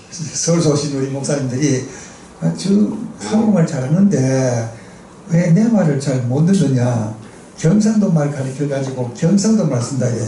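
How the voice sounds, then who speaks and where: Middle-aged guy w/ thick gyeongsang accent preaching, mellow voice, pitched a bit high, echoey church from far off. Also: slight background noise. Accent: Gyeongsang dialect Korean. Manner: chatty, storytelling, asks the congregation for responses. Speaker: missionary preacher. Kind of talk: sermon with humorous stories. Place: church sanctuary. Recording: echoey church hall, distant mic.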